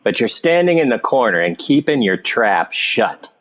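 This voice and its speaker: A man playing a surly, thuggish, slow-witted commissioner with slangy tough talk in an old-time radio play. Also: mid-range voice, very animated, a bit bright, dull audio, a little hiss or hum.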